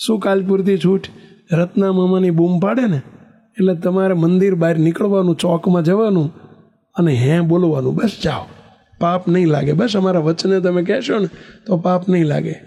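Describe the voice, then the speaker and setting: High-voiced man telling a devotional story. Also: normal speed, vocal fry, mellow. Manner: conversational, quizzes listeners. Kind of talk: devotional story sermon to a live gathering.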